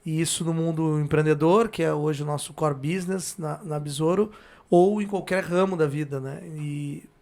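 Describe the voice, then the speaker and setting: A male podcast guest with a fairly high voice for a man. He has a southern Brazilian, Porto Alegre accent. He chats casually and haltingly, circling back to reword things. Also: a little mellow. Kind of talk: casual chat.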